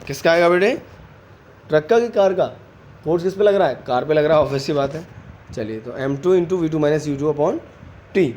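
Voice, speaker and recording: A man's voice: on the high side, darkish tone. A man teaching a physics lesson, mixing Hindi and English and often asking his students whether they follow. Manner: asks students quick check questions, calls them beta.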